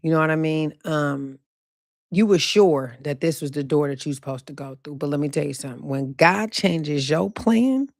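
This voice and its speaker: A woman's voice: sits low, gravelly, no echo. Casual woman podcaster with a dry voice. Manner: slow emphatic repetition of key phrases, casual and profane. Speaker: podcast host. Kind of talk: casual faith-themed monologue.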